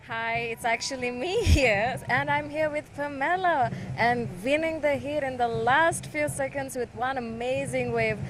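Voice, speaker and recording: A woman interviewing on a beach, asking friendly questions that ramble a little. Her voice is high, and there is clear noise all around her. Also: a little slow, few pauses. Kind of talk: live interview. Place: outdoors on a beach. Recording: noisy outdoor field audio.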